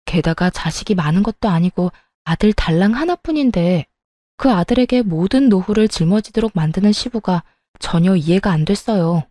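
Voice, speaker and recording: Female narrator, calm confiding storytelling, mellow warm tone, dry close recording. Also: mid-range voice, normal speed, no echo. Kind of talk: scripted first-person story narration.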